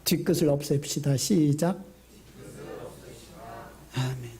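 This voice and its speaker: A middle-aged male pastor giving a sermon, telling stories with lively swings between high excited and low hushed delivery. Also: slow pace. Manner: lively storytelling, acting out quotes. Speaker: senior pastor.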